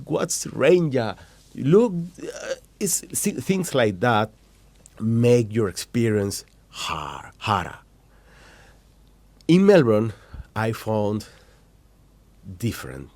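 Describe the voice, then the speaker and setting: A man's voice: medium pitch, a little mellow, no echo. A man who speaks Spanish as his first language, with a Latin American accent, hosting a casual interview inside a shop and often restarting as he searches for words. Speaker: host.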